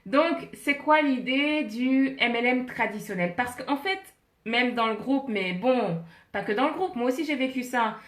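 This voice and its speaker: A woman's voice: fairly high pitch, expressive, a little slow, fairly bright tone, roomy sound. A woman hosting a casual live stream from her home office, holding her phone in her hand, chatting with viewers, greeting them by name and laughing often. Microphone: phone held in hand.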